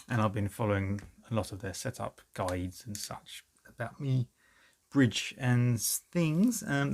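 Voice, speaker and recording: A middle-aged man talks casually through his home guitar project, full of ums and jokes at his own expense. His voice sits on the low side, with a gravelly rasp. He records in a small, cluttered room at home. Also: a little mellow. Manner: self-deprecating, rambling with many ums. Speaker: guitar hobbyist vlogger. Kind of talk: casual rambling vlog.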